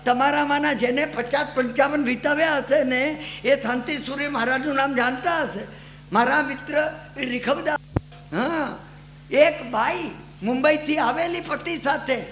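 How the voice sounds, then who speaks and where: High bright guy preaching, echoey room, keeps asking the crowd questions. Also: unhurried, faint music behind. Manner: animated, addresses the audience with rhetorical questions. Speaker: Jain preacher. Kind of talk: sermon with storytelling. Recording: echoey hall, faint noise.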